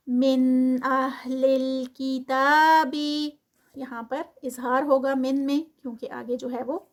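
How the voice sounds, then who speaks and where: A woman teaching a tajweed lesson, reciting verses slowly and then explaining the rules of each word. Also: high-pitched, darkish tone. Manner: chants verses slowly, then explains rules briskly in Urdu-English mix.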